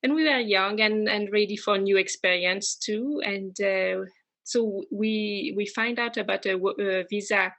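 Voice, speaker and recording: Bright-voiced French woman, hesitant speech. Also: mid-range voice, unhurried. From France. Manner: hesitant, many fillers and restarts, warm laughs. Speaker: interview guest. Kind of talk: casual conversational interview.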